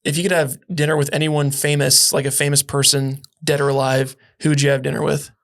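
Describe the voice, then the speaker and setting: A man's voice: a little high, level tone, a little fast, vocal fry, fairly bright tone. A man hosting a podcast, asking questions in a joking, rambling way. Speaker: podcast host. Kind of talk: casual interview conversation.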